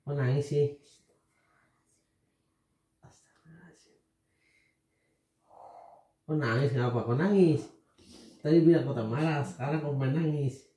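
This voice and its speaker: A man's voice: medium pitch, measured pace, long pauses, dark tone, roomy sound, recorded from a distance. A man filming his family, teasing his wife in casual, playful banter and pressing her with questions. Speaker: father filming a family vlog.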